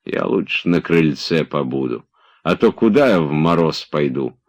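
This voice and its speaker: A man's voice: a bass voice, animated, normal speed. A man voicing a stubborn, grumbling old manservant who drawls his excuses. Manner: lazy, sullen, drawling.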